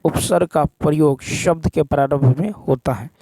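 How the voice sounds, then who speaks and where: A man teaching an exam practice lesson, reading out questions and answers and repeating each key point slowly. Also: a little high, dark tone, husky, no room sound.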